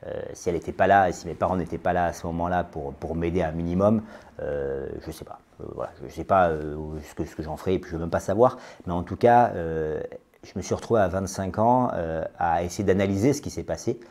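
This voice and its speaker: A man's voice: deep voice, brisk, a little mellow. A man in his late thirties speaking as a guest in a podcast interview, hesitant, with many fillers and repeated words. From France. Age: 30s. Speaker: interview guest, business owner.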